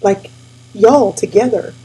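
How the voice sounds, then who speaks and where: A woman in her forties talking casually and warmly to her viewers, tearful and near crying, calling them y'all. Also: mid-range voice, slow, breathy edge, poor audio. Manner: tearful, addresses audience as y'all. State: weepy, near tears. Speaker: host. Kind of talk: casual heartfelt talk to viewers.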